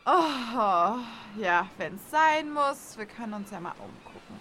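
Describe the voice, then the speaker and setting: A woman's voice: fairly high pitch, expressive, takes it slowly, bright, forceful tone, slight background noise, heavily acted. A woman playing a whiny, spoiled young female contestant in an audio drama who mixes English words into her talk.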